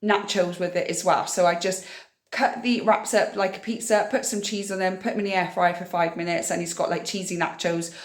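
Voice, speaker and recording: A British vlogger talks through a grocery haul in a chatty, informal, explanatory way. She's getting over a cold, so she sounds slightly nasal with a scratchy throat. Her voice is on the low side, steady in tone, and brisk.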